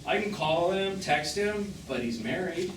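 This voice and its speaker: A stage actor voices a wounded middle-aged man in live drama, wistful and mournful, with a high, slightly bright voice that's expressive and a little slow. The small-theatre recording was made from afar and sounds distant, echoey, and noisy.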